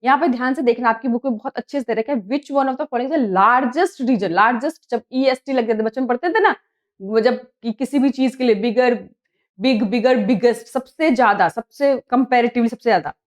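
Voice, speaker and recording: Higher-pitched woman teacher explaining exam questions. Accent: Hindi. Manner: reads English questions slowly, then explains in Hindi. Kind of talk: exam prep lesson.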